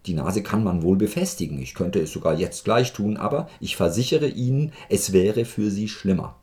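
A man voicing a self-assured male doctor who speaks in a measured, persuasive way. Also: lowish voice, lively intonation, a little mellow, lightly acted.

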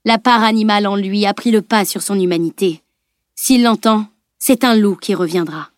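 A woman reading an audiobook, voicing a steady, practical male warrior in a firm, matter-of-fact tone. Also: mid-range voice, normal speed, no echo, clean studio sound, close to an everyday voice.

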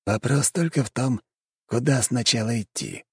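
A man's voice: medium pitch, breathy edge, no echo, studio quality, voice pushed up. A man voicing a weary, thoughtful male necromancer in an audiobook, speaking hesitantly and with sighs. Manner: hesitant, sighing, slow. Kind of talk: audiobook character voice.

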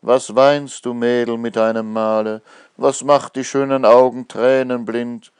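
A man's voice: medium pitch, little pitch movement, measured pace, a little mellow, clean tone. A man giving a theatrical recitation of a comic ballad, his delivery swelling and falling with the verse. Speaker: poetry reader. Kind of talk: dramatic poetry recitation.

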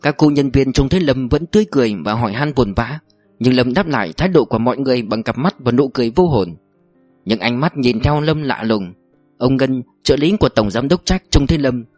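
A man narrating an audiobook in a steady, measured reading voice. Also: mid-range voice, no echo, soft background music.

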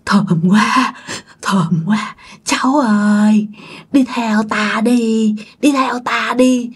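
A woman's voice: fairly high pitch, a little hiss or hum. Woman doing a creepy coaxing old ghost woman. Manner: slow coaxing sing-song croon. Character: creepy old female ghost luring a child.

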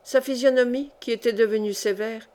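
A woman reading a historical novel aloud as an audiobook narrator, in a measured, literary way. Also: a little high, fairly even intonation, darkish tone. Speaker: audiobook reader.

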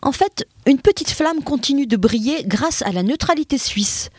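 A woman's voice: high-pitched, lively intonation, a little mellow, dry recording. Woman reading a history segment. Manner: measured reading of a prepared text. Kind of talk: scripted historical narration.

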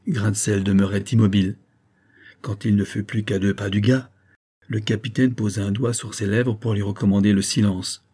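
Male audiobook narrator, low and husky, steady measured delivery. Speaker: audiobook reader.

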